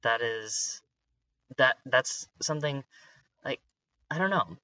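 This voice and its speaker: A man's voice: mid-range voice, animated, takes it slowly, sharp tone, a little hiss or hum, poor audio. A man hosting a podcast interview, asking curious, upbeat questions with frequent hesitations. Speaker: podcast host. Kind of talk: casual interview chat.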